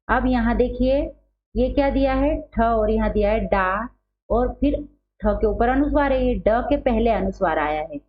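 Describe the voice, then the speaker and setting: A woman teaching a grammar lesson, who poses questions to the class and answers them herself, repeating key terms. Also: medium pitch. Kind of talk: Hindi grammar lesson, explaining at a board. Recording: dull lo-fi recording with faint hum.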